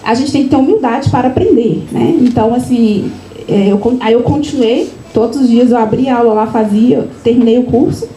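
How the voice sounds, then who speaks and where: In an echoey event room with a faint hum, a Brazilian author from Minas Gerais talks casually to a live audience at her book launch, telling personal stories. She speaks briskly in a high, mellow voice. Chatty, she frequently starts over mid-sentence and slips in little tag questions.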